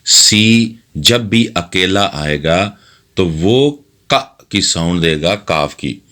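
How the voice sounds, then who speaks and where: A man teaching English letter sounds, spelling out example words slowly and deliberately. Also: sits low, a bit bright. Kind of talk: phonics lesson.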